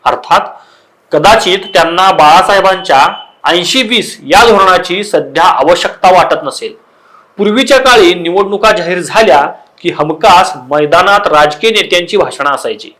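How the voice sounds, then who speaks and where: High-pitched man presenting political commentary. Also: a bit bright, poor audio. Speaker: presenter of a political news show. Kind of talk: scripted narration, news commentary.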